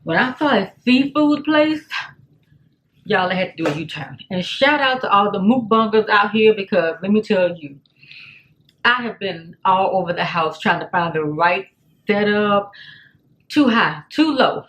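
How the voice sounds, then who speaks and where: A woman's voice: medium pitch, moderate pace, low-quality recording. Chatty woman vlogging at home. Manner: chatty, animated, talks straight to viewers as "y'all". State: out of breath. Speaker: food vlogger. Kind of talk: casual mukbang chat to camera.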